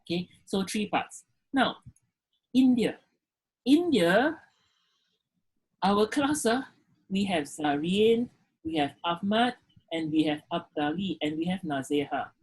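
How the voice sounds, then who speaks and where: Teaching over a video call, a male lecturer fills his talk with "okay" and puts questions straight to his students. He speaks slowly and animatedly in a high voice with a breathy edge and long pauses, on a low-quality recording.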